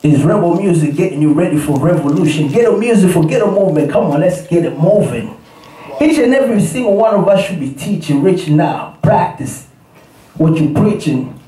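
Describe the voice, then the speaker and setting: A man's voice: fairly high pitch, animated, fairly quick, warm tone. A man from Congo performing spoken-word rap in a rhythmic rhyming flow, chatting casually to the crowd between pieces. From Democratic Republic of Congo. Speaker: rapper. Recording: echoey room, far from the mic.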